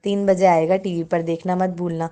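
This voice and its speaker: Audiobook: woman reading a hot-tempered young woman reporter, dark, even tone. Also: on the low side, natural voice. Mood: irritated.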